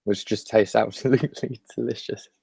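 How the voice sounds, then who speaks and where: Low-voiced joking man, dry sound. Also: fairly even intonation, moderate pace, creaky, a little mellow, husky, dry recording. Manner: jokey, laughs often, rambling restarts. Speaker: podcast co-host. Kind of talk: casual chat. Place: at home while eating.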